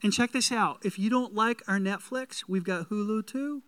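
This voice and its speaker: Man playing flustered homeowner, bright high voice. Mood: boastful. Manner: halting, stammering, eager. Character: flustered modern homeowner proudly explaining household comforts. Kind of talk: sermon skit.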